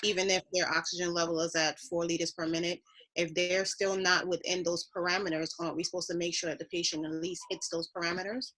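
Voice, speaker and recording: A woman's voice: on the low side, little pitch movement, quick pace, a bit bright, poor audio. A woman, a nursing student, talking through her reasoning on a video call with clarifying questions. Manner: thoughtful, asks clarifying questions. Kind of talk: class discussion.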